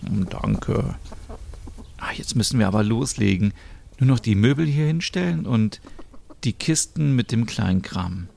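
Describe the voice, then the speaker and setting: A man playing a calm, good-hearted young guy with a lively tone. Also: lowish voice, unhurried, creaky, a little hiss or hum, heavily acted. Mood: friendly. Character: kind, quirky young man who loves squirrels. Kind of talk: voicing characters in a narrated story.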